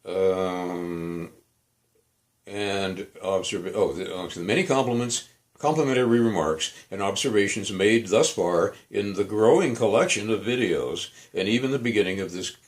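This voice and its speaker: A man's voice: on the low side, unhurried. An older man giving a rambling, emphatic complaint monologue for his video blog, often correcting himself mid-sentence. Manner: digressive, self-correcting, emphatic. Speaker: video blogger.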